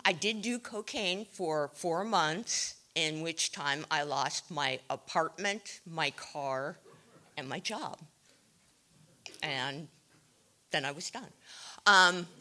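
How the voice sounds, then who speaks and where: Woman, candid recovery speaker, dry humor, bright tense voice. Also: deep voice. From California. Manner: wry, self-deprecating, frequent ums. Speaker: AA speaker sharing her story. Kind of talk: recovery share, candid storytelling.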